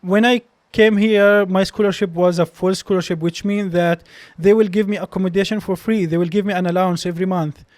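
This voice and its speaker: A high-pitched young male voice with fairly even intonation moves briskly, hardly pausing, in a dry recording. He is a doctor with a Palestinian accent whose first language is Arabic, guesting on a podcast and telling stories casually. Even so, he is hesitant and restarts often.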